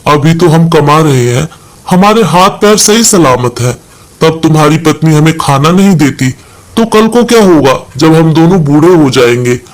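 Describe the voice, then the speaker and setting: A man's voice: a little high, lively intonation, moderate pace, close to an everyday voice. A man reading the part of an aggrieved father-in-law who reproaches his son.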